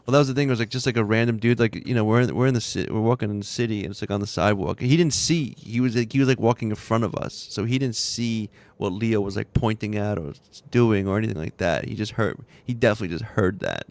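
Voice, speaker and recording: Talking fast with hardly any pauses, a lowish-voiced man streams a game from home, chatting casually with viewers. His anecdotes ramble, restart, and dissolve into laughter.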